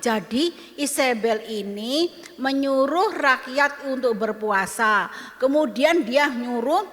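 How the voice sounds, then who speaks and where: A woman Sunday school teacher telling a story to children, animated and often asking them questions. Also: high voice, takes it slowly, in a large hall. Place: church.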